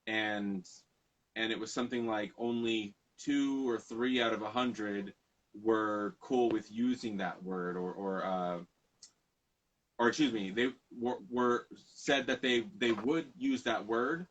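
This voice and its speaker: A man's voice: on the low side, steady tone, slow pace, highs cut off. Rambling man hosting a casual talk. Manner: rambling, self-correcting. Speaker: podcast host. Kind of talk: casual conversation.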